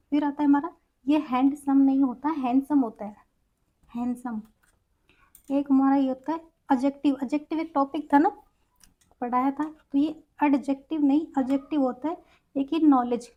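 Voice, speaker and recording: A woman's voice: high voice, mellow, muffled recording. A woman teaching an English pronunciation lesson in Hindi, explaining each word simply and repeating the correct sounds.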